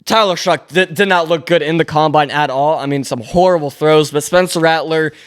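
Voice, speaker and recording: A man's voice: a little high, fairly quick, clean tone. A young man hosting a solo sports podcast, rambling and opinionated, often stopping to correct himself as he talks through the news. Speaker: podcast host. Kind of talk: casual solo sports commentary.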